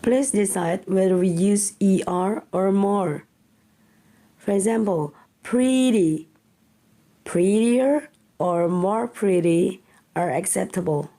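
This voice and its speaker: Woman, Indonesian accent, young adult, English teacher, very slow, mellow tone, careful syllable-by-syllable delivery. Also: medium pitch, fairly even intonation, rough recording. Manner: deliberate, stretching out example words syllable by syllable. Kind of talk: slow step-by-step grammar lesson.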